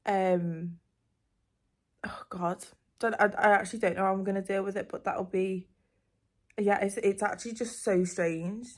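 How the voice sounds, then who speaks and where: A woman's voice: medium pitch, fairly even intonation, moderate pace. A young woman with a Liverpool accent, chatting casually at home as a vlogger, rambling with lots of "um" and "like". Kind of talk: casual chat to camera.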